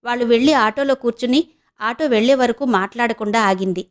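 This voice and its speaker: A woman from India calmly reading an audio novel in a steady storytelling way. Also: a little high, a little fast. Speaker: audiobook narrator. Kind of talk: scripted narration of a novel.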